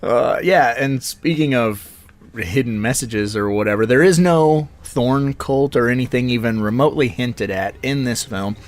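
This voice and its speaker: A man's voice: mid-range voice, normal speed. A man co-hosting a podcast who rambles with fillers and laughs often while discussing a horror film. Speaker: podcast co-host.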